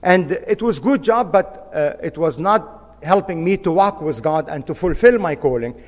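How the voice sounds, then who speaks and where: A man's voice: fairly high pitch, lively intonation, normal speed, in a large hall. A middle-aged man from Egypt, preaching a sermon in an impassioned, emphatic way and repeating key phrases.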